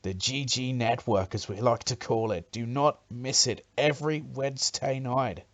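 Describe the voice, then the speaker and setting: A man doing excitable play-by-play wrestling commentary, breaking into loud exclamations. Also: mid-range voice, moderate pace.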